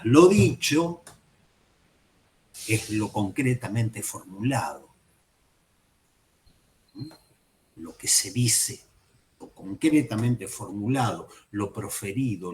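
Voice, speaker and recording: A man teaching a seminar class. He speaks in a measured way, repeats his phrases and checks in with his listeners. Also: expressive. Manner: varies loudness and pitch for emphasis. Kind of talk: lecture on psychoanalysis.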